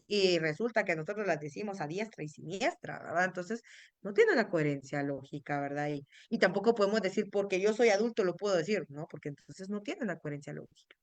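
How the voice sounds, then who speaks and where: A woman's voice: medium pitch, no room sound. Woman lecturing, every phrase ending "right?". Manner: tags nearly every phrase with a questioning "right?"; explanatory, earnest, addresses parents directly. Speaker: neuropsychologist leading a parenting workshop. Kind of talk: online workshop talk.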